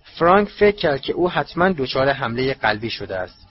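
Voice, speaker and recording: A man narrating a storybook audiobook in a measured, dramatic way with a husky voice. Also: mid-range voice, very animated, dull audio, faint music behind.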